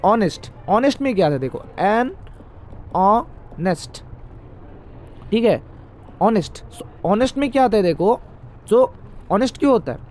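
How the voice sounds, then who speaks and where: A man's voice: high voice, big pitch swings, a little fast, long pauses, darkish tone, a little hiss or hum. A man teaching English grammar in a classroom style, explaining and quizzing the listener with repeated questions.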